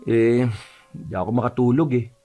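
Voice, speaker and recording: A man's voice: medium pitch, moderate pace, warm tone, soft background music. A man narrating an audio horror story and voicing its earnest lead character.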